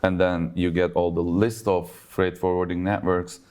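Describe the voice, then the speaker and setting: Low-voiced Turkish-born man being interviewed. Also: normal speed. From Turkey. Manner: relaxed, uses many fillers like "like" and "basically". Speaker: logistics business owner. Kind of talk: conversational interview. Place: conference event.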